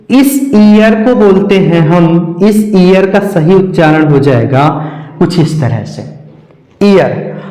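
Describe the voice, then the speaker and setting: A man teaching an English grammar lesson, drilling each word slowly and asking questions he then answers himself. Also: fairly high pitch, darkish tone. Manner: slow, repetitive drilling of words, asking and answering his own questions. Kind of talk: classroom-style grammar lesson. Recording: echoey room with long reverb.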